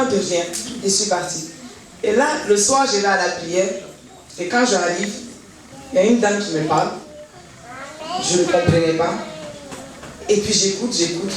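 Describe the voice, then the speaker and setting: Woman telling her church testimony, acts out the dialogue, mic way off, really echoey hall, bit of hiss behind. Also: medium pitch. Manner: lively storytelling, acting out reported dialogue. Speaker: church member giving testimony. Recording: echoey hall from far off, faint noise.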